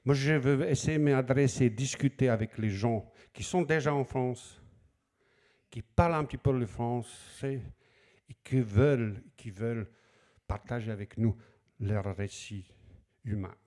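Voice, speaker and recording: A man's voice: medium pitch, measured pace, darkish tone. A middle-aged man with a Slavic accent, an author telling anecdotes at a public talk, acting out quoted lines and repeating words as he searches for them. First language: Slavic language. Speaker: author speaking at a library talk.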